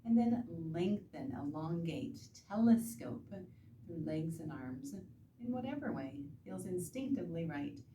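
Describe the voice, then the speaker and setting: A soft-spoken woman instructor leads a guided body-awareness and stretching lesson in a soothing, gentle manner, pausing between short instructions. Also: lowish voice, big pitch swings. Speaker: instructor guiding self-treatment bodywork. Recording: roomy, distant mic with background noise.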